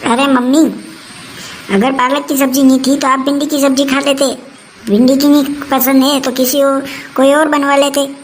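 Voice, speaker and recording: A woman's voice: high-pitched, flat delivery, moderate pace, a little hiss or hum, close to an everyday voice. A woman playing an exasperated grown son who is stuck between his mother and his wife in a comic family skit. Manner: pleading, then fed up.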